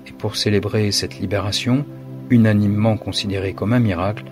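A man reading a story aloud in a dramatic, measured narration. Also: lowish voice, steady tone, over music.

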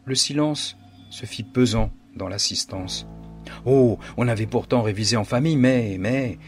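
A man reading a story aloud in a dramatic, measured narration. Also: mid-range voice, faint music behind.

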